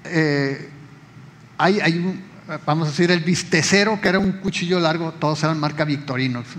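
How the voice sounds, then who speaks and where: A man's voice: a little high, normal speed, fairly bright tone, big-room sound. A man preaching a sermon as pastor, explaining conversationally and speaking directly to the congregation.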